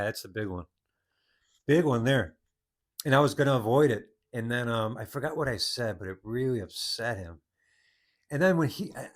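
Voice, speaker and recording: A man hosting a podcast, telling a story in a rambling, casual monologue with many restarts. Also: medium pitch. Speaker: podcast host.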